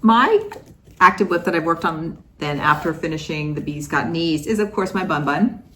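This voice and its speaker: An older woman co-hosting a crafting show, chatting casually in a lively, giggly way and asking questions. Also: deep voice, moderate pace, slight background noise. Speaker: co-host.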